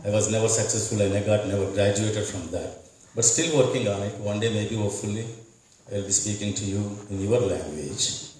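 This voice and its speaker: A man's voice: fairly low pitch, fairly quick, darkish tone, slight background noise. A middle-aged man with an Indian accent gives an earnest debate speech as a candidate, telling his story and often repeating words. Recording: echoey room from far off.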